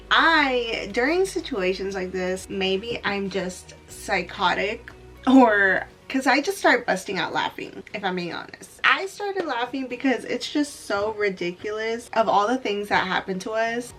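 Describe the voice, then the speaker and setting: A young woman telling a get-ready-with-me storytime, animated and laughing, slipping into Spanish now and then. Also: fairly high pitch. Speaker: beauty vlogger.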